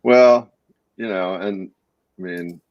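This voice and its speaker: A man from Northwest Minnesota co-hosting a podcast in casual chat, laughing often and pausing on fillers. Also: low-pitched, darkish tone, no echo. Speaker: podcast co-host. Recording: dull lo-fi sound.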